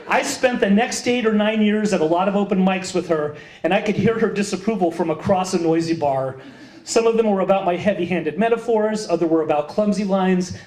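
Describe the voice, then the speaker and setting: Middle-aged man, high voice, wry profane storytelling, echoey small gallery room. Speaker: poet and host of a memorial reading. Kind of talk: performed personal essay at a poetry reading.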